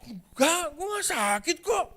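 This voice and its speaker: Preacher doing a slangy college kid, quietly baffled and second-guessing himself. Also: male voice, extremely high pitch, big pitch swings, slow pace, voice pushed up, exaggerated voice. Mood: confused. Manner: puzzled, muttering to himself in casual slang. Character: confused young male college student, worried about being sick. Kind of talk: acted-out sermon story.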